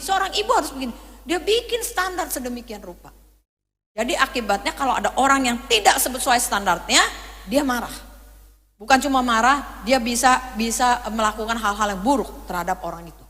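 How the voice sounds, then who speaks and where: A woman's voice: fairly high pitch, bright, forceful tone, big-room sound. A woman pastor preaching a sermon, telling stories and acting out quoted voices as she speaks to her congregation. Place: church hall.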